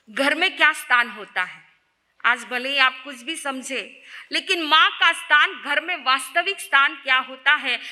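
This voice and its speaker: A woman's voice: sits high, pushed and bright, big-room sound. A woman preaching a sermon, telling a story and putting rhetorical questions to her listeners. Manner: asks rhetorical questions of the audience.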